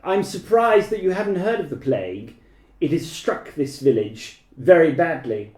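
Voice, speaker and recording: Man doing a suspicious young plague doctor, archaic formal speech, mellow voice, roomy sound. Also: fairly high pitch, big pitch swings, moderate pace. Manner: archaic, probing questions. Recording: echoey room.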